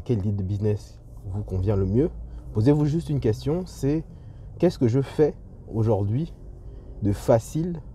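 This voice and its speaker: A man's voice: on the low side, warm tone. A man talking casually to viewers as an entrepreneurship vlogger, his voice slightly muffled through a face mask, with hesitant delivery. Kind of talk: casual vlog talk to viewers. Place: on the move, leaving a garage. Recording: muffled lo-fi audio, clear vehicle and ambient noise.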